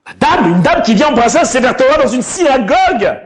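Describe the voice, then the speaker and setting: A man's voice: very high voice, fairly quick, slightly rough. A man, a rabbi, giving a colloquial Torah lesson, telling stories and acting out the scenes in them. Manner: animated, colloquial, acts out scenes.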